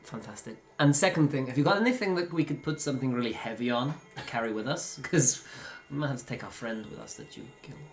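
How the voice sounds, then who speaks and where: A man with a mid-pitched voice talks as a player in a tabletop game. His chat is casual, dry and polite, and quiet music sits behind it. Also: fast talker, few pauses.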